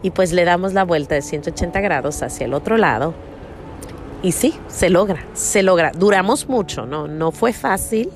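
A woman's voice: lowish voice, animated, normal speed, a little hiss or hum. A middle-aged woman telling a personal religious testimony in an earnest, repetitive way, often tagging her sentences with little questions. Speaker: mother telling a faith testimony. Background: faint music.

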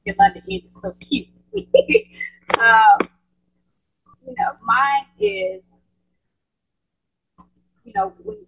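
A woman's voice: very high voice, sing-song, drawn-out words, gravelly, long pauses, muffled recording. A woman calling in to share, speaking over a Bluetooth headset that makes her sound far away. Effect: thin, distant Bluetooth headset sound. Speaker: caller. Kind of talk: casual call-in sharing.

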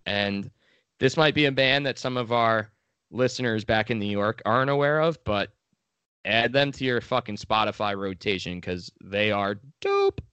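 A man co-hosting a podcast in casual chat, excited and swearing a lot. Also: lowish voice, moderate pace, clean tone, no room sound. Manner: enthusiastic, swears a lot, says dude. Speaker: podcast co-host.

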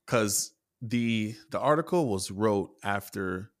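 Rambling, low-voiced man on a podcast. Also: expressive, takes it slowly. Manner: rambling, frequent restarts and "like", casual swearing. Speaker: podcast co-host and article writer. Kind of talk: casual podcast chat.

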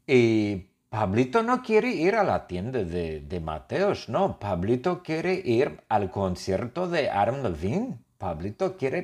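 A man telling an absurd comic story in slow, simple, repetitive sentences. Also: mid-range voice, a little mellow, breathy edge. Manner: playful, absurd, repeats phrases, slow. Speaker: podcast storyteller.

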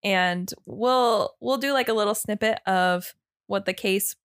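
A woman's voice: medium pitch, unhurried, fairly bright tone, clear, resonant tone. A woman co-hosting a podcast in casual chat, speaking in an upbeat, enthusiastic way. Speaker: podcast co-host.

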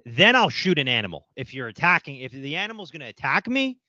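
A man co-hosting a casual podcast chat, animated and joking, sometimes slipping into voices for bits. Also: a little high, quick pace, no room sound. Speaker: podcast co-host. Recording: dull dry lo-fi sound.

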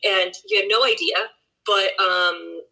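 A woman's voice: medium pitch, fairly even intonation, unhurried, gravelly, pushed and bright, low-quality recording. A woman in her twenties, a health coach guest on a podcast, chatting casually and upbeat with frequent fillers. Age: 20s.

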